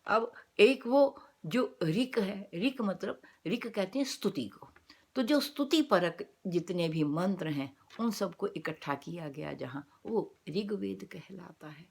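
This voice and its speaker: Female lecturer, mid-pitched voice, measured explanatory delivery that poses and answers its own questions. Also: expressive, gravelly, a little mellow, breathy edge. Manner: explanatory, asks rhetorical questions then answers them. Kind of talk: academic lecture.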